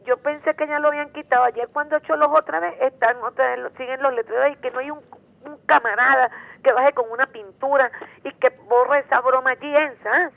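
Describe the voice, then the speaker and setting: A woman's voice: high-pitched, steady tone, a little fast, gravelly. A woman with a Venezuelan accent calling into a radio show, talking in a rambling, repetitive, indignant way. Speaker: caller. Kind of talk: phone-in call to a radio show. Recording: tinny phone line.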